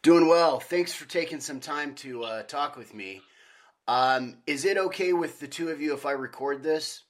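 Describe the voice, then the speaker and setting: A man's voice: fairly high pitch, normal speed. A middle-aged man hosting a podcast, narrating from a script and interviewing people. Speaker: podcast host and author.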